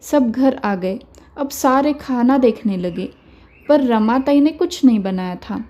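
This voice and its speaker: A woman telling a family story in scripted narration, with plain, steady delivery. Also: on the high side, slow.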